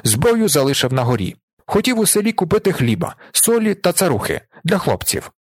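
A man reading an audiobook, voicing a gruff aging male wanderer who tells his past with vivid emotion. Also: fairly high pitch, sing-song, fairly quick, no room sound, clean studio sound. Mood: grim confession.

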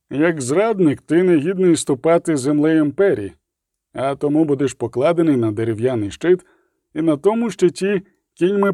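A grim tribunal head pronouncing a sentence in slow, formal, weighty phrases, as a man reads him. The voice sits a touch lower than the narrator's. Dry, close recording. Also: dark tone, no echo, natural voice. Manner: solemn, formal, measured pronouncement. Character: stern male head of imperial tribunal.

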